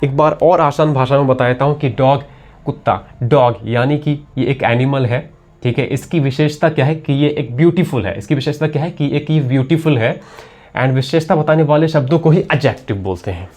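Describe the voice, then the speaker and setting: A man gives a grammar lesson in a medium-pitched voice. He talks his students through each point, repeats the key words and asks questions that he answers himself. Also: normal speed, darkish tone. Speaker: English grammar teacher. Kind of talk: classroom lesson explanation.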